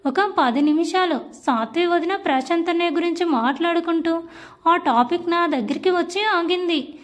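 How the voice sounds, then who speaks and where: A woman with a very high voice tells a story in the first person, scripted audiobook narration with emotional feeling. Her delivery is steady and intimate. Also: normal speed.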